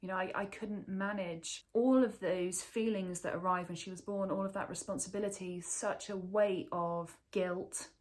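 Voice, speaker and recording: A woman's voice: mid-range voice, fairly even intonation, normal speed, hardly any pauses. A woman in her thirties talking openly and earnestly to camera about her own experience as a parent. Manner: earnest, open and reflective. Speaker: parenting vlogger. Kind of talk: candid personal talk to camera.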